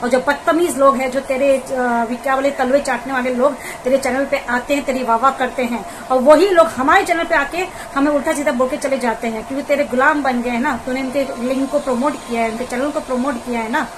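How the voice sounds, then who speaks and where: A woman's voice: high voice, fairly even intonation, a little fast, hardly any pauses, noisy background. A woman vlogger delivering an indignant, scolding commentary rant aimed straight at the person she criticizes. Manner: scolding, indignant, addresses the target directly.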